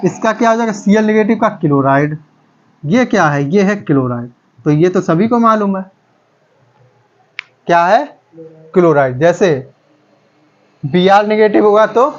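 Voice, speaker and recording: Man, chemistry lecture, keeps asking and repeating answers, muffled lo-fi recording. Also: high-pitched. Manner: repeats each term back as a quiz question. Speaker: chemistry teacher. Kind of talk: classroom lecture with call-and-response questions.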